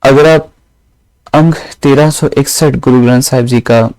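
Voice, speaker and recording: A man teaching a lesson on the grammar and pronunciation of scripture, explaining slowly and repeating each point in other words. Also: medium pitch, fairly even intonation, darkish tone, no echo, low-quality recording. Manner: slow, explanatory, repeats phrases with synonyms.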